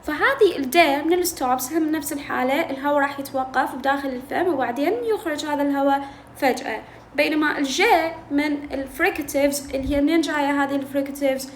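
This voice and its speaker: High-voiced Iraqi woman tutor, echoey room. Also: fairly even intonation. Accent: Iraqi Arabic. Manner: asks herself questions and answers them, repeats key terms; reads English textbook lines slowly between explanations. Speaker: linguistics tutor. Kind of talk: explaining a textbook chapter to students. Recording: echoey room with faint noise.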